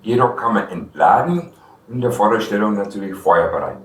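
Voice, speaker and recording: A man's voice: fairly low pitch, animated, brisk. A man, an export manager from the United States with a Franconian-tinged German accent, explaining rifle features step by step in a product demonstration. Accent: American with a Franconian German dialect. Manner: explains technical details step by step, some grammar slips. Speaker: export manager of a gun maker. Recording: roomy, distant field recording with faint noise.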